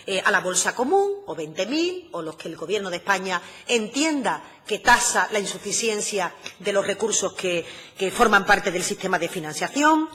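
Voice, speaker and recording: A middle-aged woman, a regional finance minister, giving a formal parliamentary address in a measured, emphatic way, with frequent "eh" hesitations. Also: medium pitch, big pitch swings, bright, forceful tone, in a large hall.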